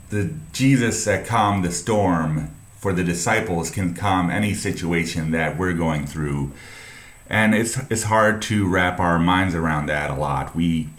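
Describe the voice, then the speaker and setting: A man giving an informal sermon, retelling a Bible story in an earnest, halting way with frequent restarts. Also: low voice, roomy sound. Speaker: preacher.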